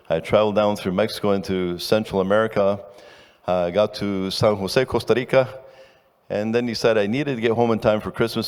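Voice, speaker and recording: Older pastor preaching in an echoing hall. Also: male voice, lowish voice, darkish tone. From Ecuador. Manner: conversational storytelling, with halting restarts. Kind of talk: sermon. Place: church sanctuary. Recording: long hall reverb.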